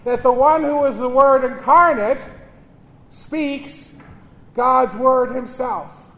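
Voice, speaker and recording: High-voiced priest in cathedral echo. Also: male voice, slow, sharp tone. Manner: earnest preaching with homely jokes. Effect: long cathedral-like reverb. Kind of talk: Mass gospel reading and homily. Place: large church. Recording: echoey church hall.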